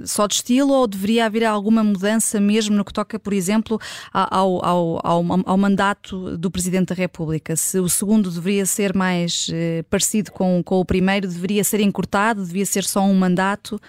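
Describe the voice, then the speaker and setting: Smooth, dry-voiced radio interviewer. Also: medium pitch, steady tone, brisk, dry recording. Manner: hesitant questions with fillers.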